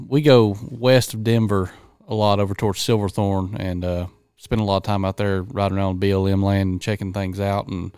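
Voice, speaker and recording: A man's voice: fairly low pitch, a little mellow, clear, resonant tone, no echo, studio quality. A man, chatting casually and easily as a podcast co-host. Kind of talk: casual chat. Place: studio.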